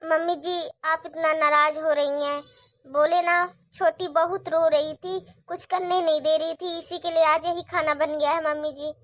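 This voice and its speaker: A woman's voice: high voice, little pitch movement, normal speed, no room sound, clean studio sound. A woman voicing a tired young wife and mother who pleads and defends herself in a cartoon story. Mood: pleading. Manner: pleading, defensive, soft complaining. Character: weary put-upon young wife with children.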